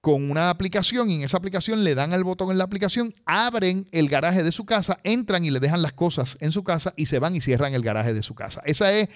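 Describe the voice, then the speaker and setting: Lively chatty man doing a tech segment. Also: high-pitched, quick pace, few pauses. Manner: chatty, addresses listeners directly. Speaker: technology segment contributor.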